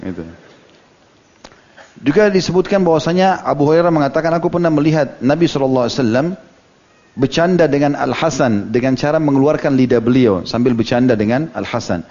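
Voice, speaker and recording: A man's voice: medium pitch, a little fast, a little mellow. A man preaching in a religious study lecture, retelling stories and quoting dialogue with frequent asides. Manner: storytelling, retells hadith with quoted dialogue and asides. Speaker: Islamic preacher. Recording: dull lo-fi audio recording.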